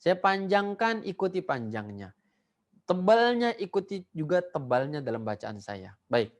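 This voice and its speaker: A man's voice: sits high, sing-song, unhurried. A male Arabic teacher giving a beginner language lesson, patiently repeating each word so learners can echo it.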